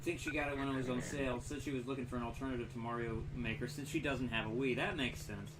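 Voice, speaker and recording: With fairly even intonation and a quick pace, this mid-range male voice belongs to a game livestreamer who jokes wryly about his play, chats with viewers, and swears freely. Game audio sits behind the noisy, distant-mic recording.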